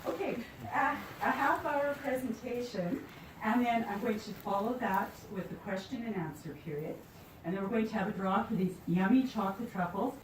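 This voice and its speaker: A woman's voice: mid-range voice, noisy background. A woman poet from Canada, chatting with a live audience and telling stories with light humor before reading her work. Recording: echoey room, distant mic, faint ambience.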